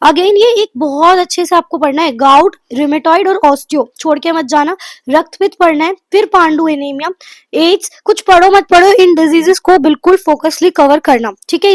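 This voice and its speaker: High-voiced woman tutoring. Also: no echo. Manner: lists topics briskly, mixes in English terms. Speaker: exam prep tutor. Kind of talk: rapid revision lecture.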